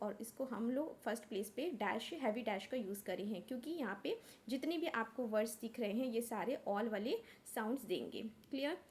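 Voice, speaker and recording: A woman teaching shorthand in Hindi with English words mixed in, walking through each outline step by step. Her voice sits fairly high, and she keeps checking in with listeners by asking "clear?". A faint hiss runs under the recording. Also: a little mellow. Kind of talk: online lesson, explaining step by step.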